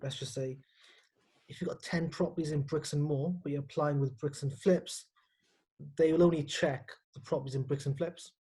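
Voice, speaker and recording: A man, a mortgage broker guest, explaining lending plainly and quickly in a casual live Q&A. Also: fairly high pitch, fairly even intonation, warm tone, slightly rough. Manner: explanatory, matter-of-fact, quick.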